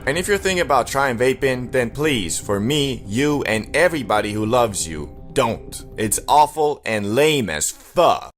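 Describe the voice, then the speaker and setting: A man's voice: medium pitch, big pitch swings, measured pace, hardly any pauses, soft background music. A man narrating as a YouTuber in a comedic storytelling style, with casual, slangy, joking delivery.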